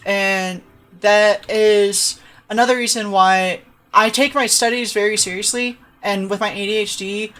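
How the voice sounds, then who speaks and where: A woman's voice: medium pitch, a bit bright. A young adult woman telling a rambling story on a live stream, often tagging "right?" and restarting sentences. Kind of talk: casual storytelling chat.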